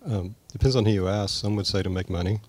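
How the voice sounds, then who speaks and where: A man with a very low voice answers interview questions as a guest. He speaks thoughtfully, pausing and restarting as he explains. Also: a little mellow. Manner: thoughtful, halting, with fillers. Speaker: guest, bonsai expert.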